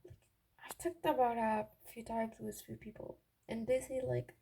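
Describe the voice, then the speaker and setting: A young woman tells personal stories as a vlogger, her warm, slightly high voice showing little pitch movement at a moderate pace. The chat is casual, giddy and gossipy, wandering with frequent self-interruptions. It's a raw amateur recording, clearly noisy and full of clicks.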